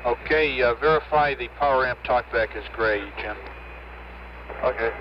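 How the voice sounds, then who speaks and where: A man's voice: mid-range voice, moderate pace. A man talking in terse, clipped mission radio calls over a crackly, breaking-up space radio link. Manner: terse, procedural call-and-answer. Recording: muffled, hissy radio transmission.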